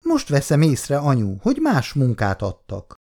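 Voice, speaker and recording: A clever, calm young daughter from a read-aloud storybook, her voice lifted moderately, as a male reader puts her on. She speaks in an easygoing, lightly teasing manner with a lively melody. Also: mid-range voice, voice pushed up.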